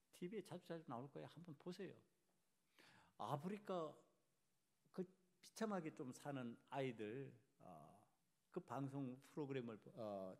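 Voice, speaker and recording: A man's voice: mid-range voice, vocal fry, darkish tone. A male pastor preaching a Sunday sermon in a church, emphatic and full of rhetorical questions to the congregation. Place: church sanctuary.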